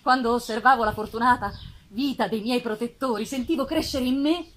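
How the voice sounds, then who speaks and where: In a live theatrical performance, a woman with a voice on the high side reads a dramatic literary passage as a lonely, self-loathing male creature, eloquent, wistful and bitter. Her measured, solemn phrasing swells emphatically and drops to a hush. It's a live festival recording with faint noise.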